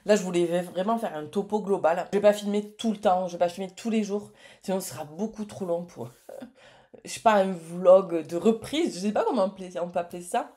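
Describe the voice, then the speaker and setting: Woman, late thirties, medium pitch, chatty vlogger, effusive, hesitant. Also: fairly quick, mellow. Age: late 30s. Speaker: entrepreneur and vlogger. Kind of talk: casual vlog chat to camera.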